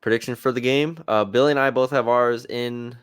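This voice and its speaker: A man's voice: medium pitch, steady tone, fairly quick, clean tone, dry recording, clean studio sound. A man co-hosting a sports podcast, chatting casually about football picks with fillers and restarts. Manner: conversational, hesitant with fillers and restarts.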